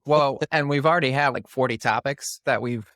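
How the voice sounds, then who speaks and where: A man's voice: mid-range voice, normal speed, a bit bright, dry recording. A man co-hosting a casual podcast, upbeat and affirming. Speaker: podcast co-host and editor.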